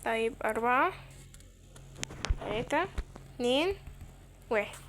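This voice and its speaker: A woman's voice: fairly high pitch, lively intonation, unhurried, noisy background. A woman with an Egyptian Arabic accent giving playful, chatty let's-play commentary and talking to her viewers. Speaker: gamer.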